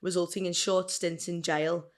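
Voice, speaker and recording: A woman co-hosting a podcast tells a true-crime case, reading from notes in a casual, chatty way and now and then stumbling over words. Her lowish voice shows little pitch movement at a normal speed, and she burps and hiccups along the way.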